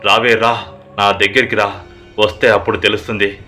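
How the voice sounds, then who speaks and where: A man voicing a brave middle-aged village farmer in a horror story, shouting down a ghost in defiance. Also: fairly low pitch, level tone, normal speed, soft background music. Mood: defiant.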